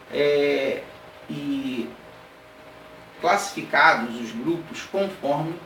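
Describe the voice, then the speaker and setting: A man teaches an exam-prep grammar lesson, checking in often with his class and slowing down to spell out each example word by word. His voice sits on the high side, and he is heard from a distance in a roomy space with some faint noise behind him. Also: fairly bright tone. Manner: explains step by step, checks in often with "tá?" and "ok?".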